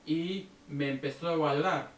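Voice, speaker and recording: A man with a Rioplatense Argentine accent telling a personal story at an unhurried pace and drawing a lesson from it. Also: on the high side. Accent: Rioplatense Argentine Spanish. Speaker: video blogger. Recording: echoey room, distant from the mic, faint background noise.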